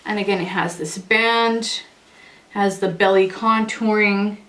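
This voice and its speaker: A young woman, slightly out of breath, giving a casual, conversational product review to camera with hesitant pauses. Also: medium pitch, steady tone, a bit bright. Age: young adult. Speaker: vlogger reviewing clothing. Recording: roomy echo, distant microphone.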